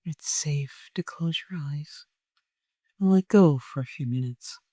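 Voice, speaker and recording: This speaker leads a calm guided meditation, soft and soothing, leaving long pauses without hurry. Their pitch sits in the middle range, with no room sound in the recording.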